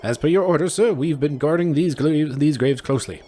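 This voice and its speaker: A man's voice: a little high, fairly quick, warm tone, pitched above the performer's own voice, close to an everyday voice. A man voicing an eager, deferential undead skeleton soldier from a video game in a put-on skeleton voice.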